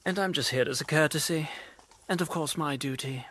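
A man playing a stiff, wry Victorian police inspector in an audio drama, husky, officious and dryly courteous. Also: a little high, a little fast, fairly bright tone. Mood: matter-of-fact.

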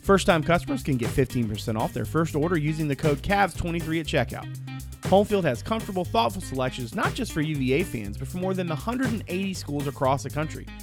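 A man's voice: a little high, expressive, fast talker, music in the background. A man hosting a podcast, reading a scripted promotional message for a sponsor.

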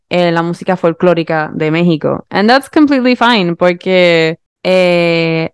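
A woman musician talking casually as a podcast guest, switching between Spanish and English mid-sentence with relaxed fillers. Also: fairly low pitch, clean tone, no echo, studio quality. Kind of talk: casual interview chat.

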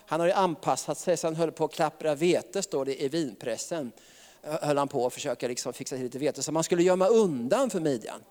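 Male preacher, slightly high voice, chatty sermon full of chuckles, long reverb. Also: a little mellow. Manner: chatty, laughs often, tag questions.

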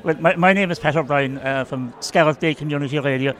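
A man's voice: a little high, fast talker, fairly bright tone. A man with an Irish accent, working as a community radio reporter in a casual interview. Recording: busy crowd noise behind.

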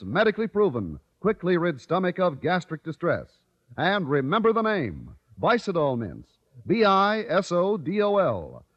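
A man reading a vintage radio advertisement as an announcer, with emphatic, deliberate salesmanship. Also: a little high. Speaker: commercial announcer. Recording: dull vintage radio broadcast.

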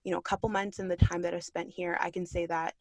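A woman's voice: fairly low pitch, little pitch movement, fast, dry recording. A woman in her twenties, born in Jamaica, talking casually as a podcast guest with many fillers and easy laughs. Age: 20s. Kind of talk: casual interview.

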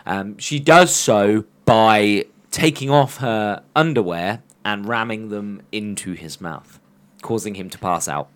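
A man's voice: fairly low pitch, slow pace, a bit bright. A man co-hosting a podcast, recapping episodes in casual chat and laughing often. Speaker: podcast co-host.

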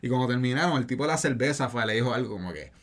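A man's voice: mid-range voice, animated, racing. A young man, casually telling a story on a podcast in a slangy, rambling way full of fillers. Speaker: podcast co-host.

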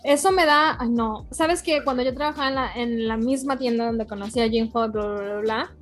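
Woman, high-pitched, chatty co-host, casual back-and-forth. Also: moderate pace, faint music behind. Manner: reactive listener who chimes in, then tells her own story. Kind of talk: casual chat.

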